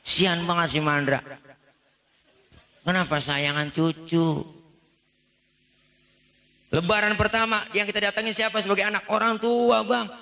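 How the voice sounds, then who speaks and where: Betawi preacher telling lively stories. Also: male voice, high-pitched, unhurried, vocal fry, long pauses. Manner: lively storytelling, acting out scenes with voices. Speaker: Islamic preacher. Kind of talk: humorous sermon at a religious family gathering.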